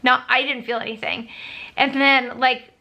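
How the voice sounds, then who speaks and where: A woman's voice: high voice, flat delivery, normal speed, vocal fry, bright, forceful tone. A young adult woman telling a story to camera in a casual vlog, chatty, acting out what others said. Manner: chatty, retells others' lines in quotes. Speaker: vlogger.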